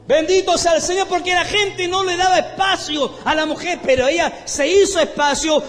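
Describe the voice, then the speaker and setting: Male Chilean pastor, impassioned high-pitched shouting delivery, reverberant hall with music behind. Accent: Chilean Spanish. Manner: impassioned, often shouting praise. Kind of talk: fervent preached sermon.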